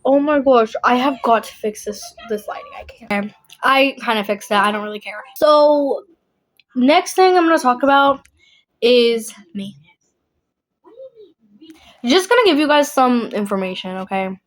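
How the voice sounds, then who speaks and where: A woman's voice: fairly high pitch, animated, measured pace, long pauses. A young adult woman vlogging in a casual, rambling chat, blunt and emphatic, often repeating herself.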